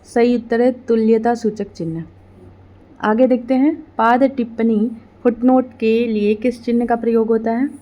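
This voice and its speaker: A woman presenting an exam-preparation quiz, reading each question and then its answer in a steady, formulaic delivery. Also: a little high, normal speed, dull audio.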